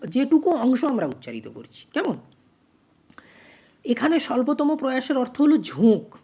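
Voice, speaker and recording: A woman teacher explaining grammar, spelling out words slowly syllable by syllable. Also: a little high, mellow, slightly rough, dull audio. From West Bengal, India. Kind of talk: grammar lesson.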